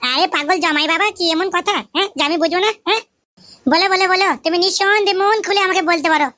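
A woman's voice: extremely high pitch, quick pace, bright, forceful tone. A woman voicing a flirtatious, scheming mother-in-law of about thirty in an adult cartoon, sweet-talking and coaxing.

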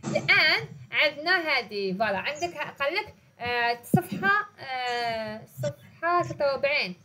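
A woman's voice: high-pitched, lively intonation, normal speed, bright, forceful tone, a little hiss or hum. A woman with an Algerian Arabic accent teaching a class over a video call, patiently repeating and explaining.

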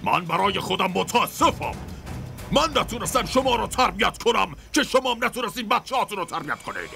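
Older, gravelly, high-pitched patriarch; score behind him. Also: male voice, big pitch swings, sharp tone, exaggerated voice. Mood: angry. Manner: scolding, gravelly. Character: stern old family patriarch, harsh tempered. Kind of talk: Persian dub of a TV drama. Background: music.

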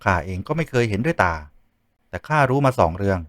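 A man voicing a calm, composed male official with a deep, measured voice. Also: no echo, studio quality. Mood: solemn.

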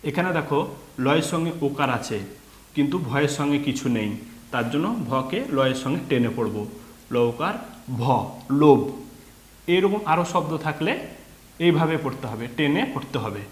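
A man teaching a beginners' reading lesson, slowly spelling out letters and sounds step by step. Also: fairly high pitch, lively intonation, roomy sound.

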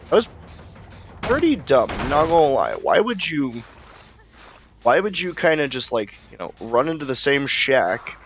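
Lively casual man commenting on gameplay. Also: mid-range voice, unhurried, pauses often, slight background noise. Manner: casual, profane, talking to himself. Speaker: gaming YouTuber.

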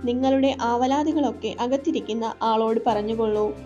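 A woman's voice: a little high, moderate pace, dull audio, music in the background, natural voice. A woman voicing a pitiless male policeman who gives curt, sneering orders in a read-aloud story.

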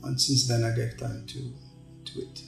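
A middle-aged man from Tunisia, a guest in a sit-down interview, speaking in a measured way with pauses and restarts. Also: mid-range voice, monotone, creaky. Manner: measured, pausing speech with repeated restarts. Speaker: guest, TV channel executive. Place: large open-plan office. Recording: roomy echo, faint music behind.

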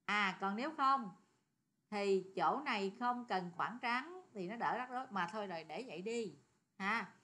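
A woman's voice: medium pitch, lively intonation, a little slow, bright, forceful tone. A woman teaching a programming lesson, chatty and often asking her students questions. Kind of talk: screen-recorded coding lesson.

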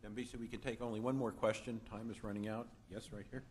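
A man moderating the event, briskly passing on questions and keeping time. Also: on the low side, level tone, darkish tone, slight background noise.

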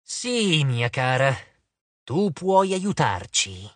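A man voicing an ancient, bitter female water nymph who speaks slowly and menacingly in an audiobook. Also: on the high side, big pitch swings, no room sound, full character voice. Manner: slow, menacing, honeyed. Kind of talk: audiobook character voice. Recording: dry close studio sound.

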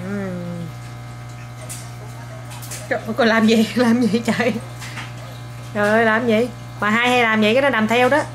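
A young woman, a mother filming a casual home vlog, coaxing, teasing and gently scolding her child while talking to viewers. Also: fairly high pitch, steady tone, moderate pace, long pauses, a little hiss or hum.

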